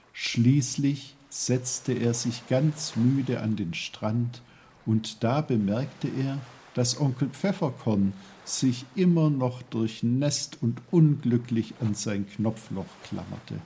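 A man calmly reading a children's storybook aloud as narrator. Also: mid-range voice, slightly rough.

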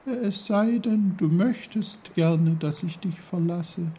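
A man voicing a small, delicate female snowdrop flower, speaking softly and hesitantly in a raised voice. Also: takes it slowly, breathy edge, exaggerated voice. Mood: gentle. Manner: soft, hesitant, high-pitched.

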